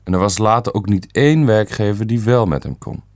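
A man's voice: fairly low pitch, lively intonation, a little fast, a little mellow, dry recording, studio quality. Blunt elderly great-uncle, read by a man. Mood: stern. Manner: stern, matter-of-fact.

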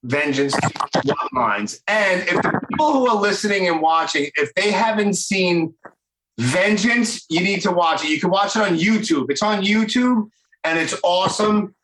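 A man's voice: high-pitched, lively intonation, moderate pace, fairly bright tone, echoey room, a little hiss or hum, rough recording. A man with a Brooklyn accent hosting a podcast interview, chatty and enthusiastic in casual talk. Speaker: podcast host.

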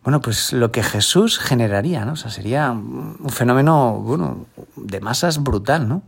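A man's voice: medium pitch, animated, normal speed, creaky, slightly rough. A Spanish-accented man, a school chaplain, giving a conversational homily and often ending phrases with a questioning tag. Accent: Peninsular Spanish. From Spain.

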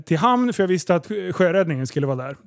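High-voiced man telling an animated story. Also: gravelly. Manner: animated, swearing, acts out dialogue with laughs. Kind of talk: casual storytelling chat.

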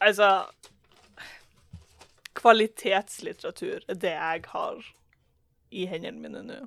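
Bright-voiced young woman, dry teasing. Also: lowish voice, big pitch swings, gravelly, no room sound. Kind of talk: joking casual chat.

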